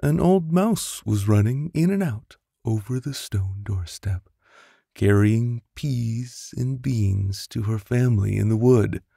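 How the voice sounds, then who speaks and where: A man takes his time narrating a bedtime story in a lowish, dark voice with vocal fry and slight roughness. Recorded close on a studio condenser mic without echo, he goes theatrical with whispers and sound-effect voices.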